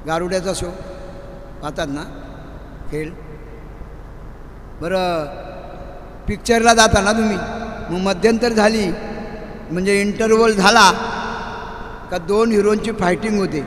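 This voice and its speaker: A man with a Marathi accent preaching a devotional sermon, telling stories and swinging between shouting and quiet questions to the audience. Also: high voice, a little hiss or hum. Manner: animated, rising to shouts and dropping to quiet asides, questions to the audience. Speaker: kirtan preacher. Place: large hall at a memorial gathering. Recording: echoey hall with faint ambience.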